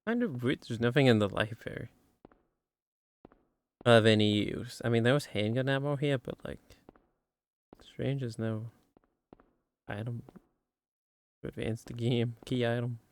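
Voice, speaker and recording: A man's voice: medium pitch, a little slow, pauses often, dry recording. A man doing casual livestream game commentary, muttering to himself and repeating his phrases as he plays.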